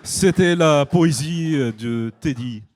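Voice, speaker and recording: A man hosting a live slam poetry night, calmly explaining how the jury scores. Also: fairly high pitch, slow. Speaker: slam event host. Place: live slam venue with audience.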